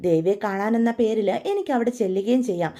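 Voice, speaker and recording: A woman's voice: medium pitch, fast talker, dark tone. Chatty woman retelling a soap plot. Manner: chatty, with frequent tag fillers. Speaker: storyteller retelling a TV serial. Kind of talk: casual story retelling.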